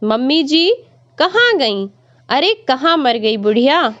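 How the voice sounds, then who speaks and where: A woman voicing a harsh young daughter-in-law who shouts scornful accusations at her mother-in-law. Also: high voice, big pitch swings, slow, no room sound, highs cut off, exaggerated voice. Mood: angry, accusing.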